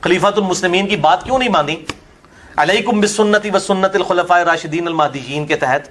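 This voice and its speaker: Punjabi-accented male preacher, high-pitched, combative and mocking, fires questions at his listener. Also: fairly bright tone, slight background noise. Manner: combative, mocking, drifts between Urdu and Punjabi. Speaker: religious speaker. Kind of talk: polemical religious lecture.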